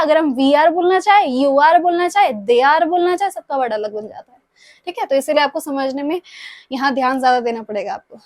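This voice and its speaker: A woman's voice: very high-pitched, no echo, clean studio sound. A young woman with a sore throat, patiently explaining Spanish grammar for exam students and often checking in with her listeners. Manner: patient, repeats points, checks in with "ठीक है?". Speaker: Spanish tutor.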